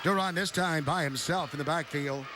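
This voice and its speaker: A man's voice: fairly high pitch, normal speed, background noise. A man calling live football play-by-play from a stadium broadcast booth. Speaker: play-by-play announcer.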